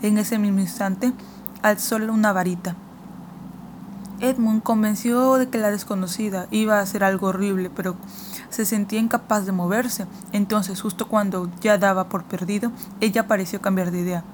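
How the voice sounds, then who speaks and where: A woman narrating a children's fantasy audiobook in a steady, measured reading voice. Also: mid-range voice, a little hiss or hum. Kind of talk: scripted storybook narration.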